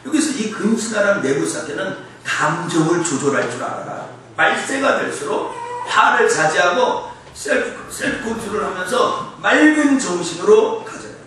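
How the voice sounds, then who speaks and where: A male pastor delivers a Sunday evening sermon, telling funny stories from home and calling out lines for the congregation to repeat. His voice sits a little high and swings widely. It is picked up from a distance in a big, reverberant church with faint background noise. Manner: lively, humorous storytelling with call-and-response to the congregation. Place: church sanctuary. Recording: echoey church hall, mic from afar, faint noise.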